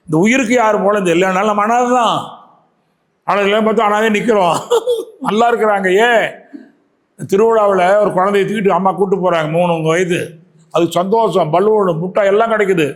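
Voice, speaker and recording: A man with a Tamil Nadu accent giving a spiritual talk to a yoga class. He keeps asking his listeners questions, repeats key phrases and recites verses slowly. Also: high voice. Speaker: yoga teacher.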